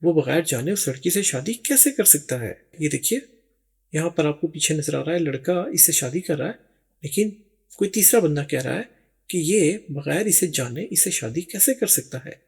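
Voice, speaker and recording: A man teaching English as a voice-over lesson, native Urdu speaker, drawing out the English examples word by word between quicker explanations. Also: a little high, lively intonation, gravelly, a little mellow, husky. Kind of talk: language lesson narration.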